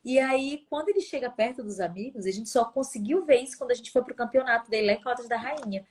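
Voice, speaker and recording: Fast-talking brazilian woman, husky voice. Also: a little high. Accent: Brazilian Portuguese. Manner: chatty storyteller, quick and animated. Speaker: co-host of a live stream. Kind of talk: casual live chat.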